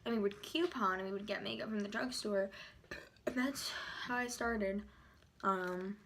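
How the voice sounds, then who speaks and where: A young adult woman vlogs in a loose, informal chat, chewing while she talks. Her voice sits at a medium pitch and her sentences wander and halt. There is faint noise in the recording, with small clicks. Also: a bit bright. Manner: informal, halting, loosely rambling. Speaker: YouTuber vlogger. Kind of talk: casual chat to camera during a mukbang.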